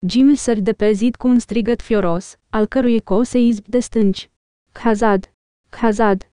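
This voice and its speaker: A woman reading an audiobook in steady scripted narration. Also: a little high, clear, resonant tone, no echo, clean studio sound. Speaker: audiobook reader.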